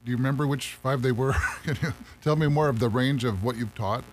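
A man hosts a radio talk show, asking curious follow-up questions of his guests in an easy, middle-pitched voice. A faint hum sits behind him. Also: fairly quick.

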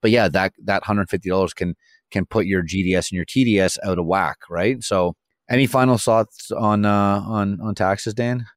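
Deep-voiced Canadian male podcast host. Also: normal speed, no room sound, studio quality. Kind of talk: casual podcast chat.

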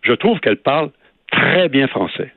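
A man's voice: medium pitch, expressive, moderate pace, gravelly, no echo. Québécois man lecturing down a phone line. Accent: Québécois French. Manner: emphatic, lecturing. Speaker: radio guest. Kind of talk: phone-in debate on radio. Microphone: telephone.

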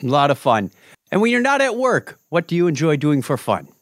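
Quick and jokey, this male podcast host keeps the interview casual and keeps wandering into side topics. His voice is on the high side, captured with clean studio sound and no echo.

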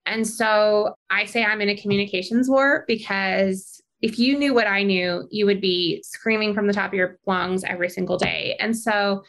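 A woman's voice: medium pitch, fairly even intonation, a bit bright, poor audio. A woman speaking as a guest advocate for child welfare, urgent and persuasive. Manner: urgent, persuasive, fast-talking. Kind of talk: interview guest.

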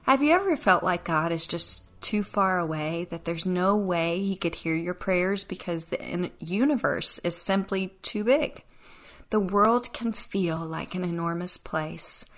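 Woman hosting a devotional podcast, gravelly voice. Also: fairly low pitch, measured pace, a bit bright. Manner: reflective, earnest, occasionally dry sarcasm. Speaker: podcast host.

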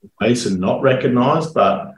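A man in a casual chat, speaking plainly and haltingly as he searches for his words. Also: mid-range voice. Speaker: podcast co-host and parent. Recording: roomy echo.

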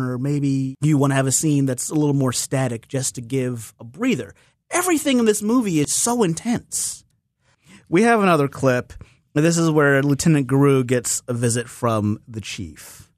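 A man hosting a podcast, talking about a movie in an animated, opinionated way and laughing easily. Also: a little high, dry recording, clean studio sound. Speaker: podcast host. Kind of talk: casual film discussion.

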